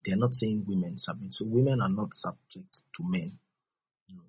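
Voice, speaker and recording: A man preaches in a low, very husky voice with a West African accent. He teaches step by step, repeating his phrases and checking that listeners follow. The recording is dull and dry. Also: moderate pace, dry recording. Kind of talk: sermon.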